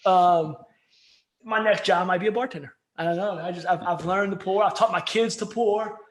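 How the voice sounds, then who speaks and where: On a beer-fueled podcast, a male co-host speaks with a high-pitched voice at a moderate pace. The conversation is casual, jokey and meandering, with frequent interruptions. A roomy echo colors the audio.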